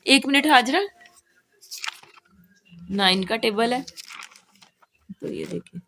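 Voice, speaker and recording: A mother filming a casual home vlog, her voice sitting a little on the high side. She talks in a chatty, easygoing way, speaking straight to her viewers. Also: lively intonation, slow, vocal fry, a bit bright, slight background noise. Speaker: vlogger and mother.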